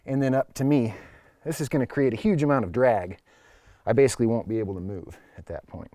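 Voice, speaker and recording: A man's voice: mid-range voice, darkish tone, dry recording. A man teaching as an instructor during a hands-on demonstration, explaining things in a plain-spoken way. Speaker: climbing instructor. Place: at a climbing wall or crag, speaking while climbing.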